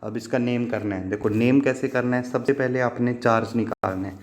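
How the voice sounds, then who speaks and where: A man's voice: medium pitch, steady tone, moderate pace. A man teaching chemistry in a patient, repetitive way, asking questions and answering them himself and addressing his students fondly as children. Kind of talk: classroom lesson explanation.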